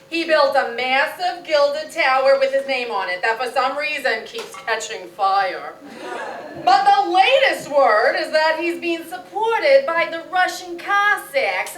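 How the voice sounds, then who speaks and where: A woman playing a wry, brisk spy informant delivering reports in a comic radio play. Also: high voice, a bit bright, distant mic. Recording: echoey, off-mic stage sound.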